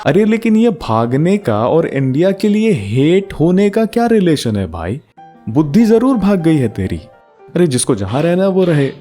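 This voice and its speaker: Lively-voiced Indian man ranting. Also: on the high side, normal speed, faint music behind. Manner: rhetorical, teasing, mixes Hindi and English slang. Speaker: video essay host. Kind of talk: casual commentary.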